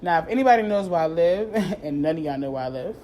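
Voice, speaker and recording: A woman in her thirties telling a casual, profane story in a vlog, animated and slangy, acting out what people said to her. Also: fairly low pitch, quick pace, slight background noise. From New York. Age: 30s. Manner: animated, profane, slangy, acts out quoted dialogue. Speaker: vlogger.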